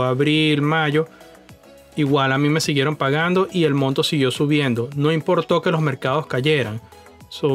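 A man explaining personal investing as a voice-over, talking directly to the viewer and now and then slipping in English words. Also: fairly high pitch. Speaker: personal finance YouTuber.

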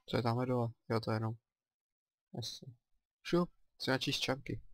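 A man with a Czech accent provides casual let's play commentary, chatting, thinking aloud and letting out excited exclamations. His voice is medium-pitched, with no echo.

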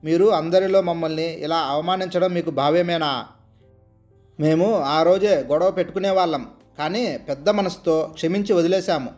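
A storybook grandmother, older and stern, lays out her grievance in a steady, measured way. A man reads her in his own high-pitched voice. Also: dull audio, soft background music, lightly acted. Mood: reproachful. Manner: measured, reproachful then persuasive. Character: stern elderly grandmother of the groom.

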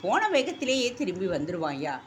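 A woman's voice: mid-range voice, huge pitch swings, moderate pace, background noise. A woman voicing a timid male servant who answers nervously and with deference.

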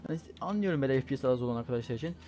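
A man giving playful gameplay commentary, rambling quickly, correcting himself mid-word and trash-talking the other players. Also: mid-range voice, animated, dark tone. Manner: joking, trash-talking at opponents; rapid, rambling chatter with self-corrections. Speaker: gaming YouTuber.

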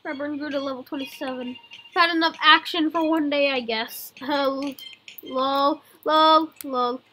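A young-sounding gaming video host giving excited, exclamation-filled commentary and often repeating words, with game music behind. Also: high voice, a little slow, slight background noise.

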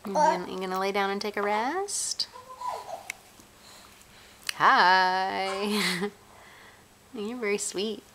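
A woman, a mother, chatting gently in a sing-song way to her toddler, repeating simple questions. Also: mid-range voice, expressive, drawn-out words, pauses often. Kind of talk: casual child-directed chat, gentle questions to a toddler. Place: carpeted room at home. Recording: home camera with clear background noise.

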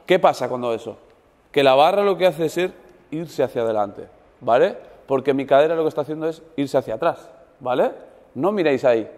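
A man coaching a class in a large gym, his voice pitched a little high and ringing with long reverb off the hall. He talks in an animated, demonstrative way and checks in with his listeners after almost every point. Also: a little fast. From Spain. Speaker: weightlifting coach. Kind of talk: coaching a seminar group.

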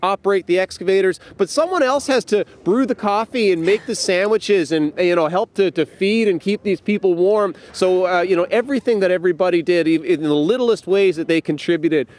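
A man in his thirties reporting live for the news, talking outdoors by an icy harbour into a handheld mic, energetic and gesturing. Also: high-pitched, fairly quick, hardly any pauses. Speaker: field reporter.

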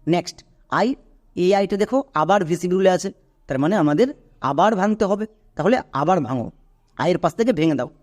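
A man with a Bengali accent gives a classroom-style English lesson in a fairly high voice. He works through each point step by step and speaks directly to the learner, asking questions and then answering them himself. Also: fairly quick, a little mellow. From Bangladesh or West Bengal. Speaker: English teacher.

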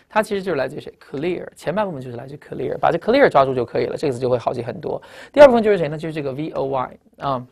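A woman teaching English vocabulary, spelling out words letter by letter and often asking students whether they remember earlier words. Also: low-pitched. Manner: ends phrases with the particle "啊". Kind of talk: recorded vocabulary lecture.

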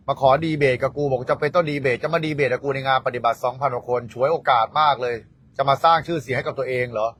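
A man who teaches the dharma speaks in a blunt, coarse, scolding rant. His voice sits a little higher than most men's. It sounds like casual spoken talk aimed straight at his followers. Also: fairly bright tone.

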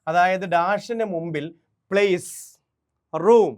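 A man's voice: high voice, slow pace. A man teaching English grammar for an exam, quizzing students and answering his own questions with emphasis. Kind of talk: exam-prep lesson.

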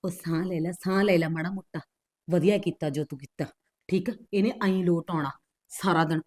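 A woman's voice: fairly low pitch, steady tone, normal speed, darkish tone. A middle-aged woman acting a scheming mother who eggs her daughter on in a family drama. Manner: scolding, scheming. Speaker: mother of the wife.

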